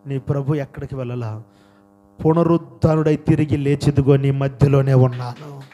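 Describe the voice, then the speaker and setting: A preacher voicing a gentle consoling divine voice. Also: male voice, mid-range voice, steady tone, normal speed, pitched below the performer's own voice, lightly acted.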